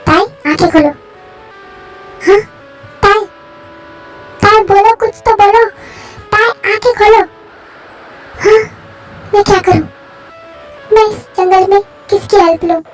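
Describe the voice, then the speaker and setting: A woman's voice: extremely high pitch, unhurried, pauses often, music in the background, voice pushed up. A woman voicing an anxious, protective young man in a fan story, talking in a pleading, fretful way. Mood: desperate.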